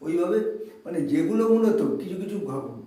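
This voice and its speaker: Male tutor, fairly high mellow voice, echoey room, mic at a distance; keeps quizzing and answering. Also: expressive. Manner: quizzing the viewer and answering himself, repeating key words slowly. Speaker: English tutor. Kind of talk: spoken language lesson to students.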